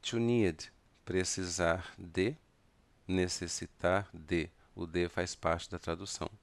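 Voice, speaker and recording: A man with a Brazilian Portuguese accent teaches an English grammar lesson, speaking deliberately and spelling words out letter by letter. His voice sits low with fairly even intonation, and there's no room sound.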